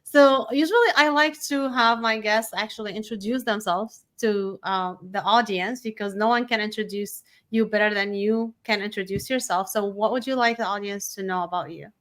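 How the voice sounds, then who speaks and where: A woman's voice: mid-range voice, normal speed, hardly any pauses, fairly bright tone. A woman hosting a podcast, upbeat and chatty, laughing easily with her guest. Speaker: podcast host. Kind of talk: casual interview conversation.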